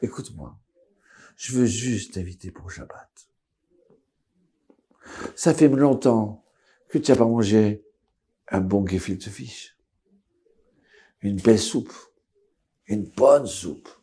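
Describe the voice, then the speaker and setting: A desperate older father pleads softly and coaxes his son, as a male storyteller takes on his voice. The tone is dark, husky and unhurried. He sounds worn out and tender. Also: lowish voice. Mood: gentle coaxing. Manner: pleading, gentle.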